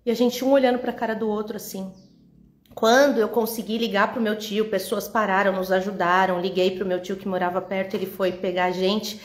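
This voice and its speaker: A woman's voice: mid-range voice, brisk. Woman telling a story in a roomy echo. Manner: lively storyteller who acts out the dialogue; talks straight to a women's audience. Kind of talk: Bible teaching with personal story.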